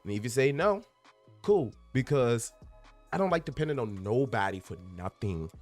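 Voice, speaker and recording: A man's voice: medium pitch, very animated, moderate pace, a little mellow, faint music behind. A man in his twenties hosting a casual solo podcast from a room at home, talking earnestly and rambling, often restarting and repeating himself for emphasis. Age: 20s. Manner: earnest and candid, with bursts of laughter. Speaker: podcast host. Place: room at home among packed boxes.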